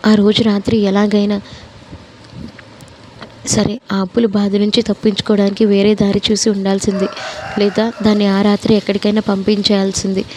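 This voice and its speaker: A woman's voice: medium pitch, monotone, moderate pace, darkish tone, slight background noise, natural voice, rough recording. Woman reading as a remorseful aging father. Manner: heavy, remorseful. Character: aging father full of regret.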